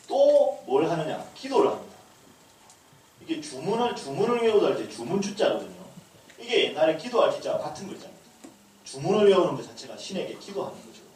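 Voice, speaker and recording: A man's voice: fairly high pitch, darkish tone. A male pastor giving a humorous lecture to a class, acting out little dialogues as he teaches. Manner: humorous, acts out dialogue lines. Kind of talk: lecture to a leadership school class. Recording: echoey room, distant mic, faint noise.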